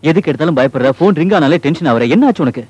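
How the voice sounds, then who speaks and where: A reassuring husband in a dubbed film, quick and animated. His voice is slightly husky and soft-spoken. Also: fairly high pitch, no room sound. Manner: gentle, reassuring. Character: caring busy husband, middle-aged.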